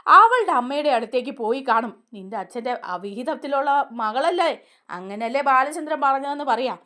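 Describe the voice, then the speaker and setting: A woman's voice: sits high, lively intonation, brisk, bright, forceful tone. A woman reading out a bitter, indignant stubborn mother. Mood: dismissive. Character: stubborn angry mother, middle-aged woman.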